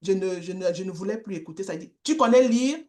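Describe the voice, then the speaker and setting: A middle-aged woman giving a testimony, telling a story in a slow, halting way with repeated words. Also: lowish voice, little pitch movement, warm tone. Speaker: guest speaker, street-children worker.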